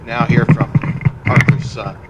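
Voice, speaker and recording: Pastor introducing speakers, loud background noise. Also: male voice, medium pitch, level tone, measured pace, dull audio. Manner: casual, self-deprecating. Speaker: pastor leading the service.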